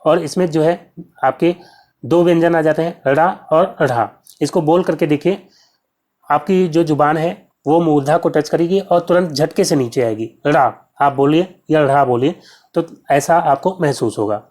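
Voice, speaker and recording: A man teaching an exam-prep grammar lesson. He explains step by step, asks a question and answers it himself, and says each sound slowly to show how it is pronounced. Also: fairly high pitch, steady tone, darkish tone.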